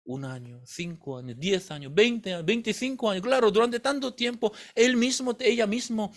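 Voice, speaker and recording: A man's voice: high-pitched, normal speed. A male pastor preaching a sermon, telling a story with animation and often quizzing the congregation with questions.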